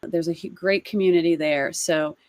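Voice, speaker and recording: Friendly and relaxed, this podcast co-host introduces videos and reacts to them in casual chat, often laughing. She has a lowish, slightly mellow voice with a steady tone and a moderate pace, recorded without echo.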